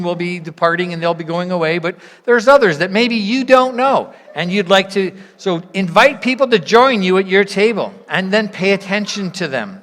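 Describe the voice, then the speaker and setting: Instructions and reflection reach a congregation from a church leader with a mid-range, a bit bright voice, delivered encouragingly, invitingly and explanatorily. The church gathering takes place in a large room full of reverberation, which comes through as hall sound in the recording.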